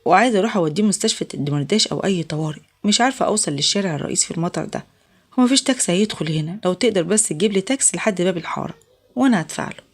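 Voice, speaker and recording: A woman's voice: on the low side, animated, racing. A storyteller voicing a frightened, exhausted young mother who is the narrator's new neighbor, speaking Egyptian Arabic in a pleading, apologetic way. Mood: pleading, weary.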